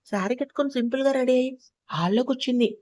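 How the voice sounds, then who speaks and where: A woman's voice: sits high, fast, a little mellow, dry recording. A woman narrating a romance audio story, reading expressively and slipping into voices for each character.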